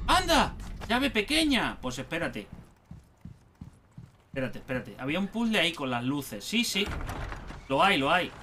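A man's voice: on the high side, bright, forceful tone, a little hiss or hum. A young man with a Spain Spanish accent giving chatty, exclamatory let's play commentary while talking to himself. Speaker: gaming YouTuber.

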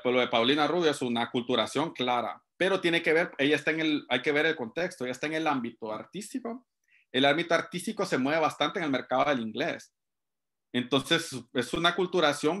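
Guest linguist, man, mid-pitched, talks students through it plainly. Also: fairly bright tone. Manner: explanatory, addresses listeners directly. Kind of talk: conversational lecture to a class.

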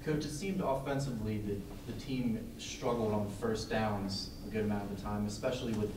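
A man's voice: lowish voice, steady tone, a little fast. A man, a reporter, asking a coach long, carefully worded questions at a press conference. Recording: distant voice in an echoey room with hum.

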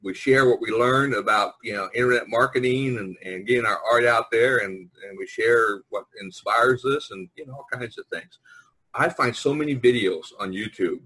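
Picked up by an online video conference mic, this American man hosts a laid-back podcast conversation, joking a lot and pushing the others along. He is a podcast host and visual artist. His medium-pitched voice moves at normal speed, sharp and breathy, and the recording quality is low.

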